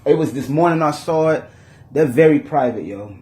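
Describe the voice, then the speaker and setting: A man hosting a podcast in casual chat, telling stories in animated street slang and swearing freely. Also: a little high, moderate pace, roomy sound. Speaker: podcast host.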